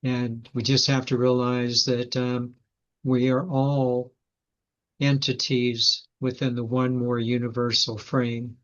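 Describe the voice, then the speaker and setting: A man leading a group discussion, speaking in a calm, measured way and steering the session. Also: mid-range voice. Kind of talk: casual discussion. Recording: dull lo-fi audio.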